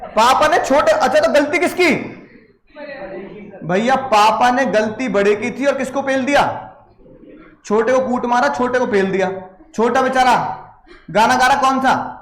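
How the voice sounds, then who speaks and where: A man's voice: extremely high pitch, a little slow, pauses often, fairly bright tone. An Indian man lecturing a class, telling a comic story and acting out voices along the way. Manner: playful, acts out voices in stories. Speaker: teacher. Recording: echoey classroom.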